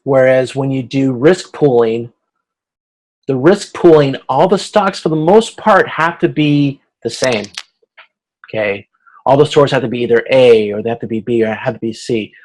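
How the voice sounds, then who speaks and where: The recording is rough as a male instructor, medium-pitched with a darkish tone and moderate pace, works through slides in an informal video-conference class. He explains each step hesitantly and checks whether the students follow.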